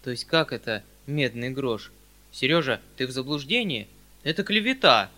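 A man voicing a flustered, kindly old country landowner who talks in a hurried, fussy, pleading way. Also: medium pitch, bright, forceful tone. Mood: defensive.

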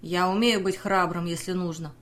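A woman's voice: lowish voice, steady tone, normal speed, fairly bright tone, natural voice. A woman reading the part of a desperate male sailor who pleads with and accuses his captain. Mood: pleading. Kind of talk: audiobook character reading.

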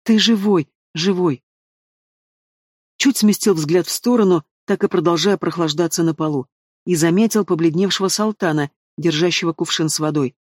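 A man reading a fantasy audiobook in the first person, expressive and dramatic. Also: a little high, fairly quick, dry recording, clean studio sound. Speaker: audiobook narrator.

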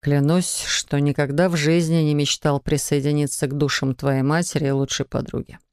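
Woman doing a tired sick guy, low flat drawl, dry close sound. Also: clear, resonant tone, no echo, natural voice. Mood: resigned. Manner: low, drawn-out, subdued. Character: weary, resigned grown man, gravely ill. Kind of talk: audiobook character voice.

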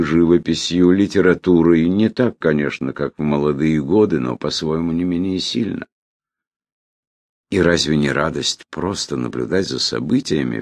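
A man reading a reflective memoir as audiobook narration, in a measured way with phrase ends that trail off. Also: sits low, darkish tone, dry recording.

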